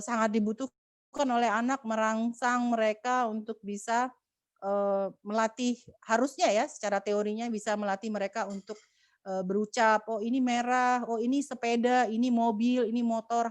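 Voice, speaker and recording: A woman's voice: medium pitch, darkish tone, no room sound. Woman, webinar speaker, earnest and preachy, lots of fillers, video call, dry sound. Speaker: communication expert speaker at a women's webinar. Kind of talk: webinar talk to mothers, religious advice.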